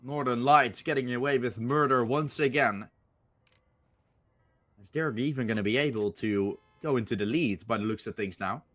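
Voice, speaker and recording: Casting: male esports caster, medium pitch, live match commentary in clipped phrases. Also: normal speed, a bit bright. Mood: excited.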